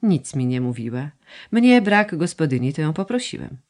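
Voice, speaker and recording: A woman's voice: low-pitched, moderate pace. A woman reading the lines of a reserved young landowner who answers his mother briefly and without feeling. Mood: curt. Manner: curt, flat and unmoved. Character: terse, cold landowner son, young man. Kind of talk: audiobook dialogue reading.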